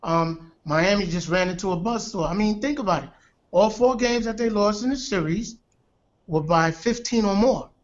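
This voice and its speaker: A man's voice: high-pitched, moderate pace, muffled recording. Man from New York on a choppy remote call. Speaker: guest, former basketball player. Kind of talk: casual sports commentary.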